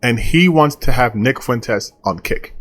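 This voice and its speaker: A man's voice: mid-range voice, animated, unhurried, a bit bright, soft background music. A male online commentator talking casually and bluntly, dismissive and opinionated, with some casual swearing.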